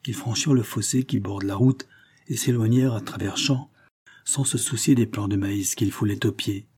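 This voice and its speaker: A man narrating a classic novel as an audiobook in a steady, measured way. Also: on the low side, slightly rough.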